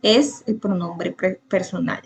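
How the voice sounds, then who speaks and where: A woman's voice: on the low side, fairly even intonation, slow. A woman teaching a spoken grammar lesson, patiently explaining rules with many examples and occasional restarts.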